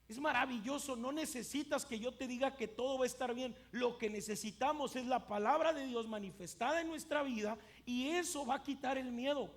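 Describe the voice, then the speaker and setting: High-pitched, gravelly preaching man. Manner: emphatic preaching, swinging between loud and hushed; occasional stumbles and repeated words. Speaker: pastor. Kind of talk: sermon.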